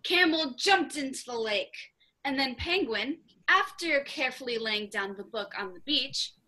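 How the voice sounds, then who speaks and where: High bright lady teacher reading a kids story on a video call, really expressive. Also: unhurried, poor audio. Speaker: theatre teacher. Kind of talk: storybook read-aloud for children.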